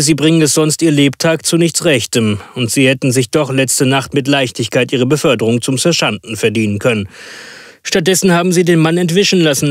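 Sherlock Holmes, as a male reader puts him on, brisk and raised. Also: mid-range voice, no echo, clean studio sound, pitched above the performer's own voice, lightly acted. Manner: quick, commanding, excitable. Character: brisk, impatient, eccentric male detective.

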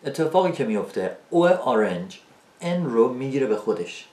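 A man with Persian as his first language teaching an English video lesson, asking rhetorical questions and slowing down for spoken examples. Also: mid-range voice, very animated, darkish tone, reverberant.

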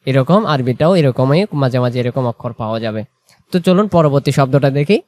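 A man teaching Quran reading, drawing out example words slowly and then explaining quickly, asking and answering his own questions. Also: mid-range voice, animated, a little mellow. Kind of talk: explanatory lesson.

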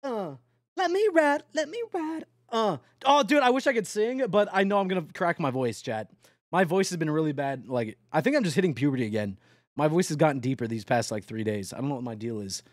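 Talking directly to his chat, a young man plays a truck driving game on stream in a casual way, cursing a lot and bursting into yelps and laughter. He has a fairly high pitch, lively intonation and a fairly quick pace. There's no room sound, and the audio is studio quality.

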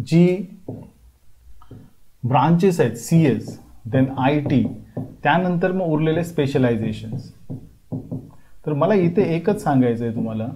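Standing at a classroom whiteboard, an admissions counsellor in his thirties explains how admission works in a warm, mid-range voice. He alternates between Marathi and English, sounds emphatic and reassuring, and keeps asking "okay." He's recorded on a lapel mic.

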